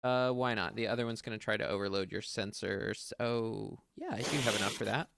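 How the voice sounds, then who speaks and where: A man's voice: lowish voice, fairly quick, vocal fry, noisy background. A man running a tabletop game as game master, hesitant and thinking aloud with many fillers.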